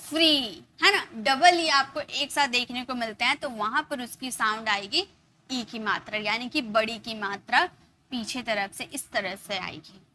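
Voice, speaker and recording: A woman's voice: fairly high pitch, pushed and bright. A woman teaching English pronunciation step by step, spelling letters aloud and checking in with "okay". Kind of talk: casual teaching lesson.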